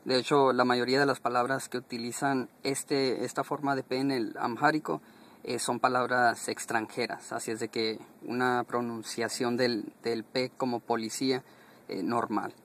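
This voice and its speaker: A man's voice: mid-range voice, fairly even intonation, a bit bright. A man teaching pronunciation, reciting single syllables one by one with short explanations. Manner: slow, deliberate drilling of single sounds with short explanations. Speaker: language teacher.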